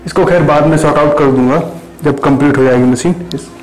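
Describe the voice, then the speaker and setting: A man's voice: on the high side, fairly even intonation, fairly quick, poor audio. A young man casually explaining a homemade machine step by step, with hesitant fillers and restarts, recorded on a camera a few metres away in a small bare room. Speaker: maker showing a build.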